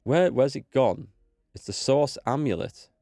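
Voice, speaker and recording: In a studio-quality, dry recording with faint music behind him, a gaming host gives laid-back let's play commentary. His mid-range voice is warm, expressive and unhurried, though slightly blocked from a cold he's still recovering from. He thinks aloud and reads the game's text as he goes.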